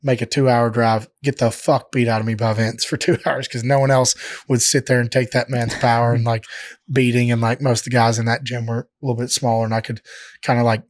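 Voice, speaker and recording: A man's voice: mid-range voice, level tone, brisk, dry recording. Profane, rambling male fighter, dry studio sound. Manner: profane, rambling storytelling, heavy filler words. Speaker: guest, professional fighter. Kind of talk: casual podcast interview. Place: podcast studio.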